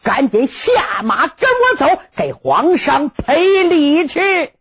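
A woman's voice: big pitch swings, unhurried, husky, full character voice. A woman voicing a cunning old grandfather general who blusters and scolds in a storytelling performance. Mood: scolding. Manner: blustering, lowered voice. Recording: dull lo-fi recording.

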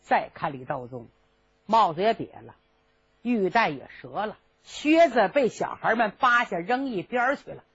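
A woman telling a traditional story with lively, dramatic narration, in a dull lo-fi recording. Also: mid-range voice, normal speed, husky.

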